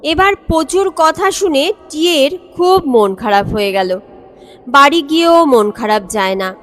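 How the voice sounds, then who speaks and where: High-voiced woman storyteller with long reverb. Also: lively intonation, a little slow, soft background music. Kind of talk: scripted narration of a comic story.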